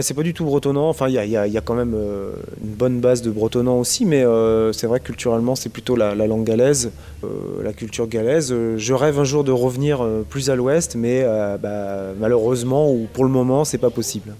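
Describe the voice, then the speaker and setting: This man in his thirties, a musician from Brittany, France, is being interviewed. He speaks a little fast in a mellow, mid-range voice, barely pausing, and his casual, hesitant answers are full of fillers and restarts.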